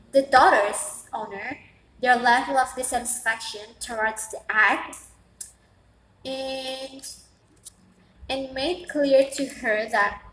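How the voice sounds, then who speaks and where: A woman with a thick foreign accent who is not a native English speaker, telling a story in a casual, halting monologue and repeating phrases for emphasis. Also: sits high, fairly bright tone. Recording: echoey room, faint background noise.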